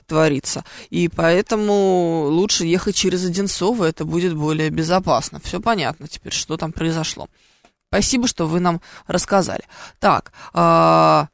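A woman's voice: on the low side, no room sound, studio quality. Chatty woman radio host. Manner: chatty, playful, thinks aloud with fillers. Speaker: radio traffic show host. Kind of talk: live call-in radio chat. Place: radio studio. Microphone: studio microphone.

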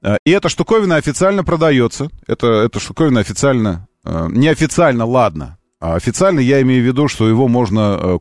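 Male talk-radio host: argumentative, emphatic, repetitive phrasing, highly animated pitch, dry studio sound. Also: no room sound. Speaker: radio call-in show host. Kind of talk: live car talk radio, conversational monologue.

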